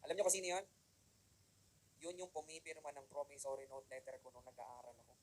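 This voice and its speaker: Male motivational speaker, quick and slightly high, animated seminar delivery that keeps asking the room for agreement. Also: a little hiss or hum, rough recording. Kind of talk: inspirational seminar talk mixing Tagalog and English. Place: room with a live audience.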